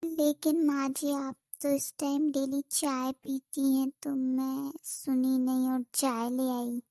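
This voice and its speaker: A woman's voice: high-pitched, level tone, slow, warm tone, no room sound. A woman voicing a kind, polite young daughter-in-law who is hard of hearing. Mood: earnest. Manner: polite, sweet, earnest.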